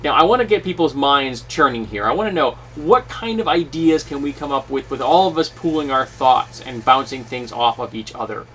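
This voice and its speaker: A man's voice: mid-range voice, moderate pace, few pauses. A man talking casually to camera as a YouTube host, recorded at home. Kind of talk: casual talk to camera about tabletop role-playing. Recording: distant mic, steady fan noise. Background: whirring fan noise.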